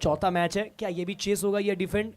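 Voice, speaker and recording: A man's voice: sits high, steady tone, a little fast, a little mellow. A man commentating on live cricket, discussing the match with a partner and addressing viewers. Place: commentary box at a cricket ground.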